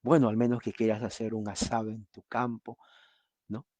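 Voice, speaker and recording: Husky low-voiced male preacher. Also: moderate pace, dry recording. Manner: lively storytelling, acting out quotes. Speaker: pastor. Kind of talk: sermon.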